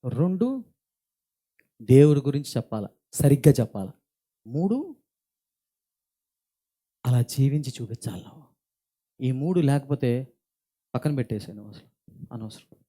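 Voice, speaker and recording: Earnest pastor, dark-toned. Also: male voice, mid-range voice, very animated. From India. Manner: earnest, speaks slowly and deliberately, rising in intensity. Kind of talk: sermon. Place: church hall.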